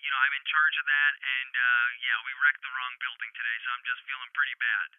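A man's voice: medium pitch, flat delivery, fast, clean tone, dry recording. Tinny telephone sound. Actor as glum, whiny male construction worker calling in to a radio show, sorry for himself, comedy sketch. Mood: miserable, self-pitying. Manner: whiny, self-pitying complaining. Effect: telephone filter. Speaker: radio phone-in caller. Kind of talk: improvised comedy phone-in sketch. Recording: thin, tinny phone line.

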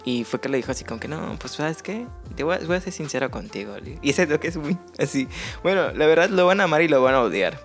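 A man's voice: mid-range voice, vocal fry. A man with a Mexican accent, chatting frankly as a podcast guest and telling stories with casual slang. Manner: storytelling, frank and conversational with slang. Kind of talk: casual chat.

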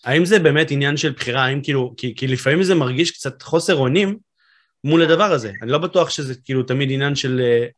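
A man hosting an interview, asking curious, musing questions with frequent fillers. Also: medium pitch. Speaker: podcast host.

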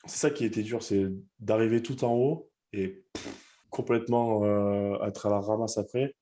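Young rugby guy talking low and mellow, stops and restarts a lot, pretty candid. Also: fairly even intonation. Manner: candid, halting, many restarts. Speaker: rugby player guest. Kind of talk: casual podcast chat.

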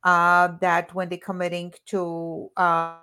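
A woman's voice: on the low side, monotone, slow pace, bright, forceful tone, clean tone. A woman who is a relationship coach, co-hosting a podcast in casual chat, hesitant with stumbling restarts.

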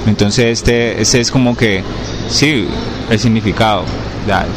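A young rapper from Cali, Colombia, speaks with a Cali accent in a casual interview, his lowish voice answering haltingly. He uses many fillers and restarts and keeps asking "me entendés?" to check he's understood. Street noise and passing vehicles fill the background.

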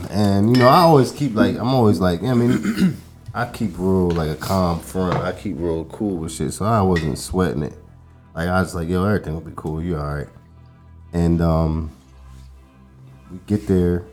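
A man in his thirties co-hosting a podcast, telling a long story in a laid-back, rambling way, with plenty of fillers and curses. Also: sits low. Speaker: podcast co-host. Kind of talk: casual storytelling chat.

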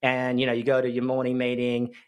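A man's voice: mid-range voice, a little fast, clean tone. A man, a tradesman and business owner, hosting a solo podcast in a rambling, jokey storytelling way. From Australia. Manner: rambling, jokey storytelling with animated put-on voices. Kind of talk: casual solo podcast talk.

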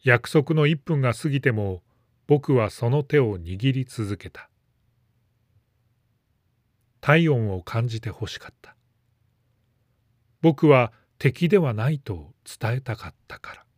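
A man narrates a story in a calm, measured reading voice that sits at an ordinary middle pitch. The sound is dry and close, with no room around it. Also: dry recording. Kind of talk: scripted narration.

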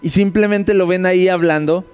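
A man teaching a conversational sermon, explaining scripture and often checking in with his listeners through quick tag questions. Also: high voice, steady tone, darkish tone, clean tone, in a large hall. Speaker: preacher.

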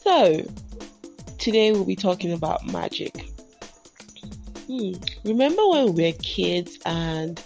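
A woman with a voice hoarse from a cold, giving a chatty scripted introduction as a radio host. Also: lowish voice, expressive, a little slow, a little mellow. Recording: music bed behind the voice. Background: music.

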